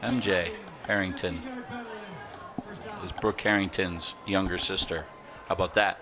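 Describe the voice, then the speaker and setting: A man doing color commentary for a football broadcast, out of breath and chatty with halting restarts. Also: low-pitched, steady tone, a crowd in the background.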